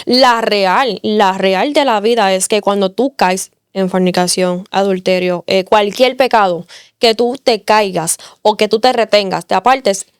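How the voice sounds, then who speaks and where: Woman, earnest testimony, smooth clear voice, dry close sound. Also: mid-range voice, measured pace, no room sound. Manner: earnest, storytelling, repeats phrases for emphasis. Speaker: interview guest giving testimony. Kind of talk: emotional faith testimony.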